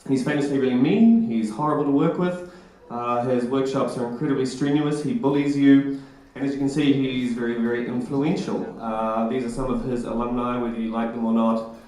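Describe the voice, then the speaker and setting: A man's voice: medium pitch, steady tone, a little fast, few pauses, a little mellow. Wry New man in an echoey hall. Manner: self-deprecating, wry. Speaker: presenter. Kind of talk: comic storytelling talk. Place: stage at a live event hall. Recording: echoey hall, live talk.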